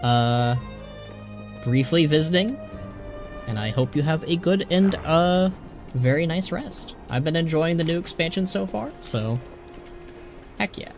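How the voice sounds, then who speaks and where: A man's voice: fairly high pitch, expressive, unhurried, pauses often. A man hosting a game livestream, chatting casually and commenting as he plays. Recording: faint music behind.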